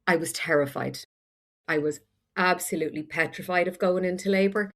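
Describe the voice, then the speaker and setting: A woman in her forties with an Irish accent appears as a podcast guest, frankly recounting her story with self-deprecating humour in a candid storytelling chat. Her voice is fairly low, brisk and a bit bright.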